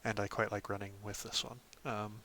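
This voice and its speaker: A man hosting a casual game guide, talking through a character build in a relaxed way, with frequent "um"s and "of course"s. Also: fairly low pitch, normal speed, a little hiss or hum. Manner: relaxed, lots of ums and "of course". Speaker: gaming channel host.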